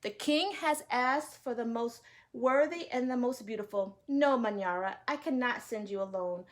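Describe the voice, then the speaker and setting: A woman voicing a proud, kindly father who speaks in a measured, firm way. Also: on the high side, lightly acted.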